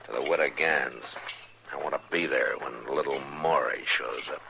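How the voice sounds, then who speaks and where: An actor playing a stern, steady frontier marshal in a 1950s radio western, with a calm, firm, commanding delivery. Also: male voice, moderate pace. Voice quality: very deep gravelly voice. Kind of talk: 1950s radio drama acting. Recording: old radio broadcast with faint hiss.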